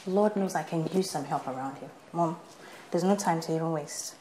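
A woman's voice: low-pitched, moderate pace, warm tone, close to an everyday voice. A young Nigerian wife who blogs and feels overworked, played by an actress. She sounds exasperated and defensive, with a faint hiss in the recording. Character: busy young married woman, blogger. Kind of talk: film acting.

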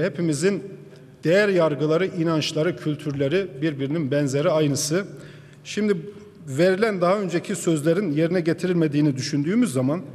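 A man's voice: a little high, a little mellow. A man addressing a parliament from a podium microphone, giving a formal speech and pressing his audience with pointed rhetorical questions. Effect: speaking at a podium microphone. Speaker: member of parliament. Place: large parliament chamber. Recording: long reverb of a large hall.

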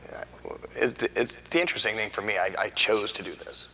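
Deep gravelly soft-spoken man. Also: fairly quick, slight background noise, low-quality recording. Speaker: guest. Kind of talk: interview. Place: TV studio with green-screen backdrop.

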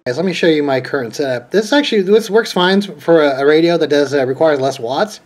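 Speaking fairly quickly in a voice on the high side, a host of electronics and radio unboxing videos chats casually through a hands-on demonstration, thinking aloud as he goes. He sits indoors at a cluttered desk, and his home camera recording is noisy with clear background noise.

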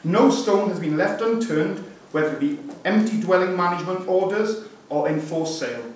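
A sponsor in his thirties stands at a lectern in a conference room and reads a formal award presentation from notes. His voice sits high and keeps a moderate pace. A camera far away records the lectern mic, giving an echoey, hissy sound.

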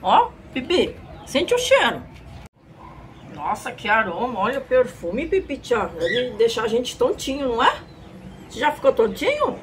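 A woman's voice: fairly high pitch, huge pitch swings, normal speed. A middle-aged Brazilian woman presenting a food tasting vlog in a playful, exclamatory way, drawing out her words. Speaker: food review vlogger. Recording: clearly noisy room recording.

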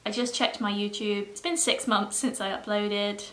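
A woman's voice: mid-range voice, flat delivery, moderate pace, a bit bright. A woman vlogging to her viewers in a casual, chatty way, swearing freely and laughing often. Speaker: YouTuber. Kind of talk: casual vlog chat. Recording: roomy echo.

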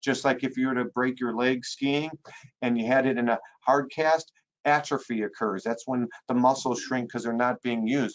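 A man's voice: medium pitch, muffled recording. A man giving a motivational webinar training as a real estate trainer, emphatic and coaching, repeating his key phrases.

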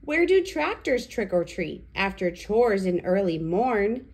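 In a mellow, sing-song, mid-range voice, a woman in her thirties speaks slowly to toddlers. She's an educational presenter and storyteller leading a lesson and reading a picture book aloud in simple, exaggerated child-directed speech.

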